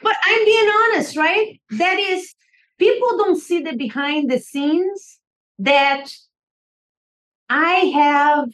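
A woman's voice: extremely high pitch, slow pace, fairly bright tone. A middle-aged woman from Brazil with a Brazilian Portuguese accent, speaking earnestly as an author guest on a podcast interview.

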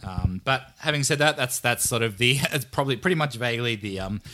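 A man co-hosting a casual podcast chat, talking through beers in a relaxed, agreeable way. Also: mid-range voice, a little fast. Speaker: podcast co-host.

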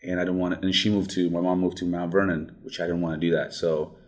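Telling his story as a guest in a casual interview, a young Amharic-speaking man from Ethiopia talks fast in a low, level voice. He sounds hesitant, often restarting and using fillers.

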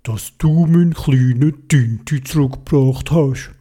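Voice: medium pitch, unhurried, warm tone, slightly rough. A storyteller voicing a caring octopus father calling out for his youngest child. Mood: worried. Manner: worried, calling out.

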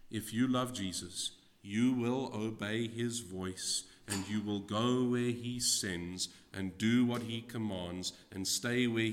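A man preaching as a guest in a church, moving from hushed lines to loud, dramatic readings of scripture. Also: fairly low pitch. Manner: swings from hushed to loud, acting out scripture quotes. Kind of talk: sermon. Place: church hall. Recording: reverberant hall.

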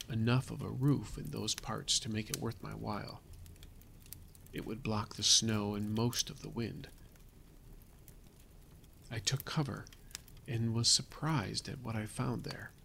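A man voicing a frightened survivor writing his last journal entries, exhausted and cold, halting and correcting himself, sometimes dropping to a whisper. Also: lowish voice, creaky, sharp tone, a little hiss or hum, exaggerated voice. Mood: grim, weary. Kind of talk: audio drama reading of a survival journal.

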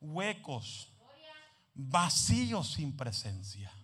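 A man preaching a sermon as pastor, telling humorous stories, mixing in English phrases and building up to shouted exhortations. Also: on the high side, sing-song, very slow. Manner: drops English phrases into his talk; humorous storytelling.

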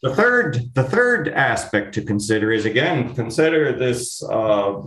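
A man speaking as a guest expert in a technical discussion, explaining things in a measured, professorial way. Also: medium pitch, very animated, fairly bright tone. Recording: roomy echo.

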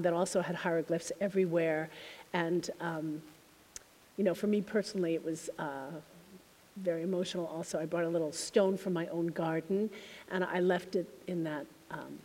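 A woman minister telling a congregation a heartfelt story in a reflective way, her phrases often trailing off softly. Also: on the low side, in a large hall. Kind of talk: spiritual talk to a congregation. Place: temple hall.

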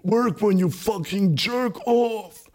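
A man putting on a shouting motivational guru. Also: sits high, pitched above the performer's own voice. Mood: fired up. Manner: preachy, emphatic, drawn-out.

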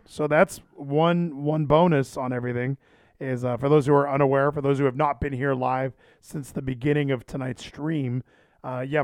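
Holding a handheld mic, a podcast and livestream host rambles through casual chat, frequently cutting in and saying things twice. His voice is a little high with a darkish tone, and there's no room sound.

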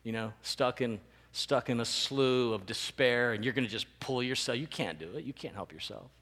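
A male pastor preaching a sermon, animated and rising to emphatic peaks. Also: mid-range voice, moderate pace. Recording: long reverb of a large hall.

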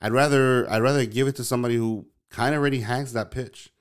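A man talking casually with a friend, circling his point through many ums and false starts. His voice sounds smooth and clear, at a middle pitch for a man. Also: fairly even intonation, quick pace. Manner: rambling, hesitant, lots of fillers and restarts. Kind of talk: casual chat.

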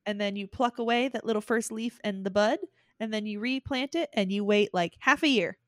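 A woman's voice: mid-range voice, a little fast, no echo, studio quality. A woman co-hosting a casual chat, explaining things in a chatty way and laughing easily. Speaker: podcast co-host.

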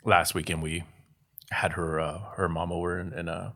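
A man with a somewhat low voice talks casually on a podcast. He swears freely, tosses in "dude" constantly and laughs between stories. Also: flat delivery, normal speed, fairly bright tone. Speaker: podcast co-host. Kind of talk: casual chat.

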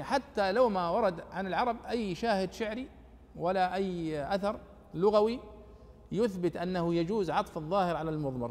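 A man's voice: high-pitched, darkish tone, long reverb tail. A man giving a classroom lecture on exegesis, asking and answering his own questions.

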